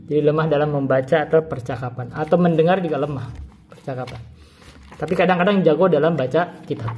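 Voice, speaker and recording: A man with an Indonesian accent, a native Indonesian speaker, teaching Arabic. He reads Arabic phrases slowly and then explains quickly in Indonesian. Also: a little high, darkish tone, a little hiss or hum. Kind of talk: casual classroom explanation.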